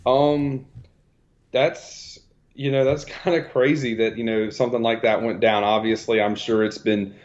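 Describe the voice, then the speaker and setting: A man's voice: medium pitch, fairly even intonation, unhurried, a little mellow. A man co-hosting a movie podcast, chatting in a hesitant, hedging way. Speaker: podcast co-host. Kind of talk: casual chat. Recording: dull lo-fi sound.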